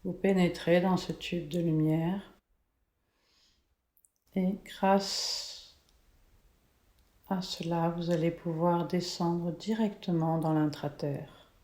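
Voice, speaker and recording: A woman leading a guided relaxation meditation in a soothing, gentle, unhurried manner. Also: fairly low pitch, steady tone. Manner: soothing, slow, gentle spa-like delivery. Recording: echoey, reverberant room.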